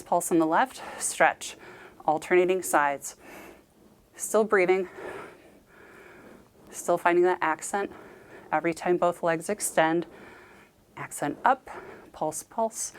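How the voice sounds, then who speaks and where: A woman's voice: fairly low pitch, slow pace, pauses often, a little hiss or hum. A woman Pilates instructor leading a guided workout, cueing movements and counting down reps while she exercises along.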